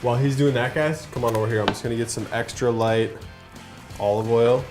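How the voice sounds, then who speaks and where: A man with a mid-pitched voice hosts a casual cooking show, upbeat and chatty as he talks viewers through each step. Faint music and the sizzle of frying sit quietly behind him. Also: fairly even intonation, brisk. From Minnesota. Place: garage kitchen. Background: faint background music and frying.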